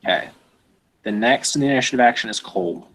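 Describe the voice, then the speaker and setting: A young man running a tabletop game, husky in tone. He narrates and explains rulings in a matter-of-fact way. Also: mid-range voice, fast, a bit bright, poor audio. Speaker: game master.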